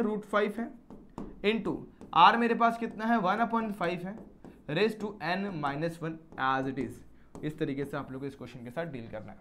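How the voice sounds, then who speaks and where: A man's voice: high voice, a bit bright. A male maths teacher explaining problems step by step in a classroom lecture, often putting questions to his students.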